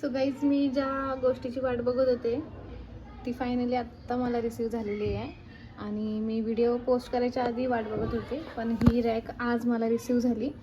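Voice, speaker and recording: A woman's voice: a little high, flat delivery, moderate pace, muffled recording, background noise. A young woman with a Marathi accent filming a home vlog, coaxing and scolding her small children and chatting to viewers. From Maharashtra, India. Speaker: home vlogger and mother. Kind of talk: casual home vlog with kids. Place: home kitchen.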